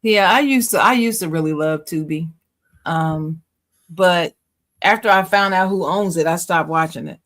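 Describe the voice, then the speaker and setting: A woman's voice: lowish voice, normal speed, fairly bright tone. A woman co-hosting a podcast in casual chat, frank and opinionated, laughing easily. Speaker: podcast co-host.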